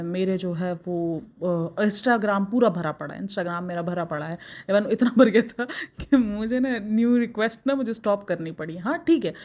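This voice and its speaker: Her voice sits in the mid range and is a little mellow. She's a Pakistani woman reviewing fellow vloggers in a casual opinion video, pressing her points emphatically and replying directly to critics.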